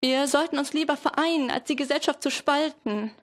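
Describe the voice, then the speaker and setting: A woman's voice: high voice, a little fast, voice pushed up, natural voice. A teenage woman voicing a brave verb who pleads earnestly for tolerance. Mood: pleading. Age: teens.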